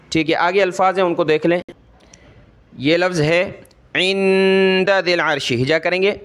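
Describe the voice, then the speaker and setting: A man with a Pakistani Urdu accent teaching Quran reading, drawing out each syllable slowly and explaining rules quickly in between. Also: sits high, a bit bright, clear, resonant tone. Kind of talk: spelling-out recitation lesson.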